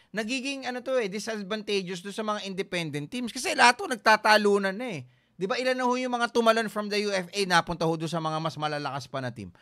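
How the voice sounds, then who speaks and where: Brief: male sports show host, high and bright voice, animated and teasing, casual code-switching chat. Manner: mixes English into his talk.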